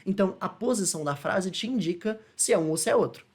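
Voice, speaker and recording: Brief: male Brazilian Portuguese speaker, relaxed online English tutor, talks casually, stops to check understanding, slows for example phrases. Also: sits high, breathy edge. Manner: chatty, asks checking questions, slows to demonstrate English phrases. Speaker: English teacher. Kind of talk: casual explanatory lesson.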